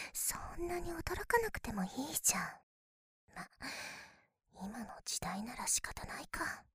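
Woman playing a teasing breathy whisperer. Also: on the high side, big pitch swings, unhurried, long pauses, fairly bright tone, dry recording, exaggerated voice. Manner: teasing, whispering close to the ear. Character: mischievous invisible young woman from the future. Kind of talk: ASMR whispering roleplay.

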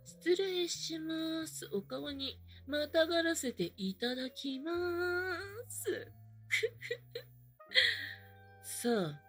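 A woman's voice: sits high, sharp tone. A woman performing an adult roleplay as a maid, speaking in polite maid phrasing with a mocking, teasing manner and frequent giggles.

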